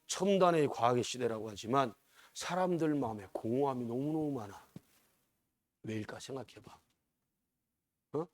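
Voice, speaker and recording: A middle-aged man preaching a sermon in a church, moving from quiet talk to loud, urgent exclamations and asking the congregation frequent questions. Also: mid-range voice, no echo. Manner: preaching with big swings from soft to shouting, rhetorical questions. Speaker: pastor. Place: church sanctuary.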